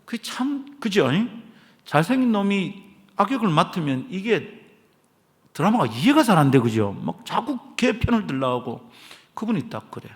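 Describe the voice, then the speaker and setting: A man preaches a sermon, telling a story with humor. His pitch rises and falls freely as he speaks. His voice rings out with a long reverb through the church sanctuary. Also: moderate pace. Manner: animated storytelling with humor, quoting others. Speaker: pastor.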